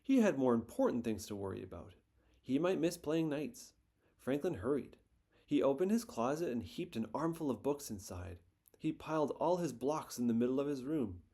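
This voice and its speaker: A man reads a children's picture book aloud, telling the story gently and expressively at medium pitch and a moderate pace.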